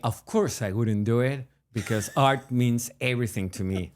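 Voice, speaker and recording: An Argentine man with an Argentine Spanish accent co-hosts a podcast in a casual, rambling chat, joking, restarting often and laughing. His voice is medium in pitch and moves at normal speed.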